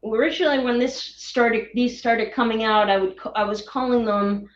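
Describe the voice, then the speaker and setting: A woman's voice: a little high, steady tone, normal speed. A woman on a video call, chatting casually as a guest and explaining her photos, hesitant with many fillers and restarts. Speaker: guest sharing orb photos. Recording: distant, roomy, muffled call audio.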